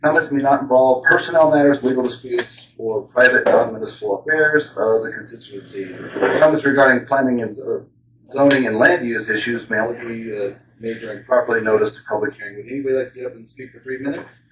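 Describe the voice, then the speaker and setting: A man's voice: medium pitch, a little fast, fairly bright tone. A man chairing a city council meeting, reading procedure formally and stumbling over words, heard through a crackling microphone that cuts in and out. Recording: crackly, dull mic, far off in an echoey chamber.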